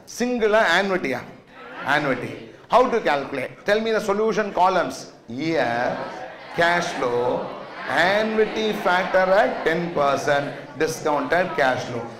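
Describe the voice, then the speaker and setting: A man's voice: fairly high pitch, animated, unhurried, crowd noise. A middle-aged man with a South Indian accent giving a classroom lecture, drilling students with repeated questions and check-ins. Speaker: finance lecturer. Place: indoor classroom, speaking to students. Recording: echoey classroom.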